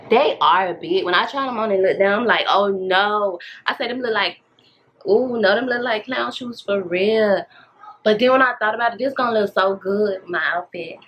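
A woman's voice: mid-range voice, brisk, hardly any pauses, fairly bright tone. An American woman in her thirties vlogging casually, chatting in slangy girl-talk to her viewers. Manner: slangy, girl-chat way of talking, addressing viewers as y'all. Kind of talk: casual chatty get-ready-with-me vlog. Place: bedroom at home, indoors. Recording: dull audio with room noise.

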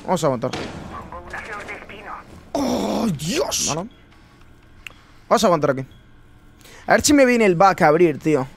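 A young man from Spain with a Spanish accent, chatting excitedly and casually to viewers while commentating his own gameplay. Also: sits high, measured pace, creaky, pauses often. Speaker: gaming YouTuber. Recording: noisy with game sound. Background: game sounds.

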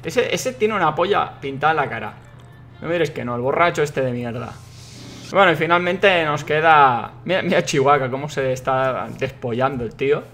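Excitable young man from gaming. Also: on the high side, normal speed, faint music behind. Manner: excitable, swears a lot, yells at the game. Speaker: gaming YouTuber. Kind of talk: let's play commentary.

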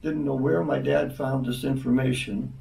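An older man telling his memories in an easy conversation, halting often and restarting his sentences. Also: medium pitch, fairly even intonation, vocal fry, darkish tone, roomy sound, distant mic, poor audio. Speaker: interview guest. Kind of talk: reminiscing conversation.

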